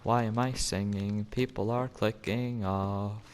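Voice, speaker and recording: A man's voice: lowish voice, fairly even intonation, slow, slight background noise. A man talking to himself in a casual, rambling way while he plays a building game and chats to the viewers. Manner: rambling, self-talking, playful. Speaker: Minecraft gameplay commentator. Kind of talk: casual gameplay commentary.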